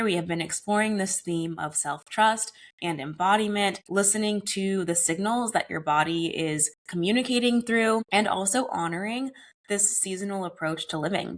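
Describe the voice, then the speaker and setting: In a medium-pitched voice made a bit raspy by a recent cold, a young American woman talks alone on her wellness podcast. Her tone is earnest and conversational, and she casually uses "y'all" and "like."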